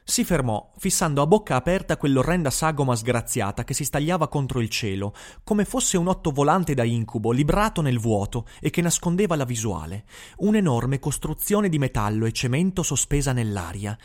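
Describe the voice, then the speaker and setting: A man giving a measured, expressive reading of a novel as audiobook narration. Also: mid-range voice.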